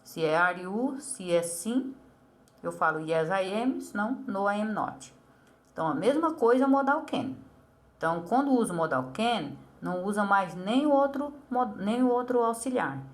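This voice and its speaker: A woman with a Brazilian accent, explaining an English lesson to a child and saying English model phrases slowly and carefully. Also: medium pitch, animated. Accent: Brazilian Portuguese. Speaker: English teacher.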